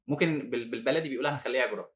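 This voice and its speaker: Egyptian man guest, rapid, bright and forceful delivery, animated storyteller who laughs through hard memories. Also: medium pitch. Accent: Egyptian Arabic. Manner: animated, laughs while recounting hardship. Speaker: former detainee guest. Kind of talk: podcast interview storytelling.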